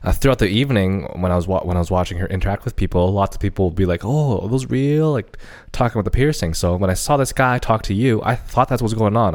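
A young man co-hosting a podcast, chatting casually and rambling with lots of hesitation. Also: deep voice. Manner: rambling, hesitant, many fillers and restarts. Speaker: podcast co-host. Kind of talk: casual chat.

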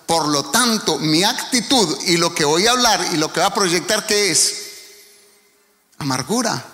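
A man's voice: sits high, expressive, a little slow, sharp tone. A man with a Colombian accent preaching a sermon as pastor, earnest and emphatic, speaking directly to the congregation. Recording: long hall reverb.

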